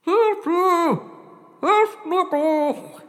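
A woman voicing a shrill disguised boy crying for help. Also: extremely slow, a bit bright, exaggerated voice. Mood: pleading. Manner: shrill, pleading cries for help. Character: young boy faking a frightened bewitched voice. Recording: long reverb with faint music.

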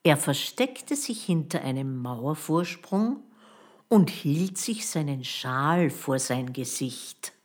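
A woman reads a children's story aloud with a low voice and an unhurried pace. Her telling is expressive and measured, with a lot of rise and fall in the voice.

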